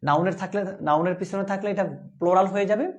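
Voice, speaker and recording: A man's voice: sits high, fast talker. Bangladeshi male teacher drilling a class. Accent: Bangladeshi Bengali. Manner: drills students with repeated call-and-response questions; chants letter lists in a sing-song rhythm. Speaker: English teacher. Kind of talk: live online class lecture.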